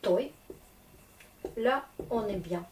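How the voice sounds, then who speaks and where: Slow-spoken woman teaching in an echoey room. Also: medium pitch, darkish tone. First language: Russian. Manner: patient, checks understanding often. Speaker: Russian teacher. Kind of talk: classroom lesson. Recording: echoey room, distant mic, faint noise.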